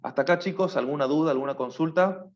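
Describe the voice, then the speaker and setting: A man's voice: a little high, fast talker, muffled recording. A man teaching a class, explaining patiently and often stopping to check that his students follow. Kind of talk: online class lecture.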